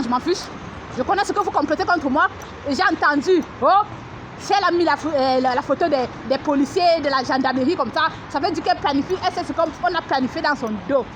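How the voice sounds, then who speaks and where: A woman's voice: high-pitched, background noise. A woman from Cameroon, ranting in a repetitive, crude and defiant way while walking a city street, filming on her phone. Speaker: vlogger. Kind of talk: filmed street rant.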